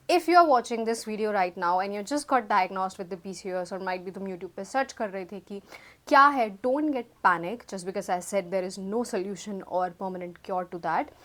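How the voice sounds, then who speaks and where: A young woman, chatting casually to camera. She fumbles her words and laughs at herself. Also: a little high. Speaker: YouTube vlogger. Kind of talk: casual chat to camera, mixing Hindi and English.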